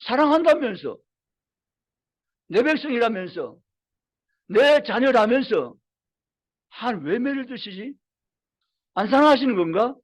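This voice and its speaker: A male pastor in full sermon, with a high voice that swoops up and down as he drives home each point. He repeats key phrases with mounting emphasis and calls out to his listeners. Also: expressive, a little slow, long pauses. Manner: storytelling with acted quotes, rising emphatic appeals.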